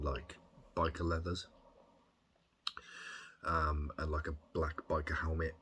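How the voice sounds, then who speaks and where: Very deep husky Birmingham man. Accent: Birmingham English. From Birmingham, England. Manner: rambling, hesitant, thoughtful. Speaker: video diarist. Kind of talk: casual reflective chat, recounting.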